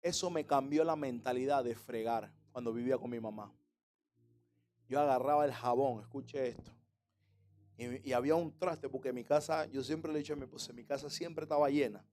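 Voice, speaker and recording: A man's voice: medium pitch, a little fast, a little mellow. A middle-aged man, preaching a sermon with humor and rhetorical questions. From Panama. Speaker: pastor.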